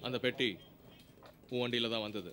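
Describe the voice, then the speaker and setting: An actor playing a curt, commanding police officer who questions a driver in a TV drama. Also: male voice, mid-range voice, fairly even intonation, normal speed, sharp tone, close to an everyday voice. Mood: stern.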